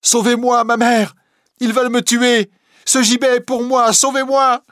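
A man's voice: mid-range voice, steady tone, normal speed, fairly bright tone, no room sound, studio quality, voice pushed up, lightly acted. A man reading a story aloud, voicing a frightened young woman who defies her captors and begs for her life. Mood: terrified pleading. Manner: defiant, then terrified pleading.

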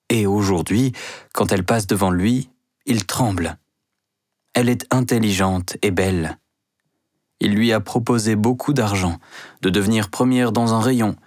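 A man reading a simplified novel aloud in slow, deliberate narration. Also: lowish voice, no room sound, clean studio sound.

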